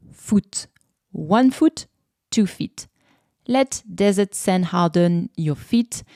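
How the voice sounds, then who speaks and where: A woman hosts a podcast lesson, walking through an English poem word by word and quizzing her listeners as she goes. Her voice sits low and mellow. The sound is dry and close, with no room around it. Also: no echo. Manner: patient, explains step by step, asks the listener questions. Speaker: language teacher and podcast host.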